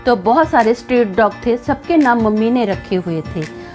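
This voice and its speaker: A woman's voice: a little high, lively intonation, normal speed, over music. A woman casually telling a personal family story in a chatty, conversational way. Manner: chatty, conversational, with frequent fillers.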